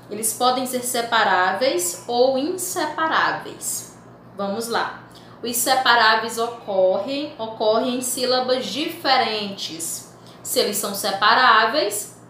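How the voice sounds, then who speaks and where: Female teacher, higher voice, slow and deliberate, repeats words for pupils; roomy, echoing recording. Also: sharp tone, slight background noise. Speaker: Portuguese teacher. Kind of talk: recorded remote school lesson. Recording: echoey room.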